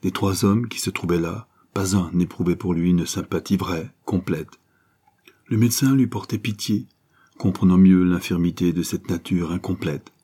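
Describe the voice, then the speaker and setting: A male audiobook narrator with a low, dark voice and a husky grain. He reads in a steady, measured way.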